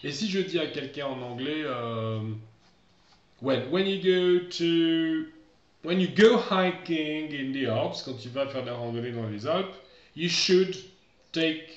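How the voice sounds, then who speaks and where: A middle-aged man from France teaching English, explaining at length in a chatty way and slowing down for English examples. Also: on the high side. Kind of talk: online lesson. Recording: muffled, echoey room.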